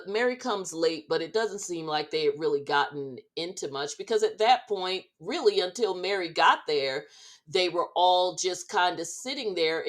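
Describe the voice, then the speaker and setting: A woman co-hosting a podcast, recapping reality TV in unhurried, measured casual chat with frequent fillers. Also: lowish voice. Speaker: podcast co-host.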